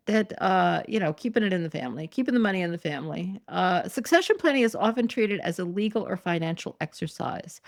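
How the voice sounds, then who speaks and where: A woman's voice: medium pitch, creaky, dry recording, clean studio sound. A woman hosting a podcast, reading articles aloud with sarcastic, digressive commentary and frequent laughs. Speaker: podcast host.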